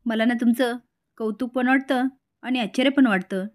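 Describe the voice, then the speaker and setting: A woman voicing a bossy, sharp-tongued sister-in-law who needles her relatives in a retold serial. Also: on the high side, moderate pace, natural voice. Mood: needling.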